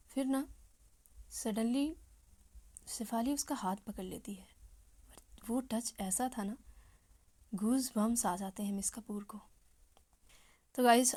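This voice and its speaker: A woman storyteller narrating a romance in a chatty, casual way, often dropping to a soft near-whisper. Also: a little high.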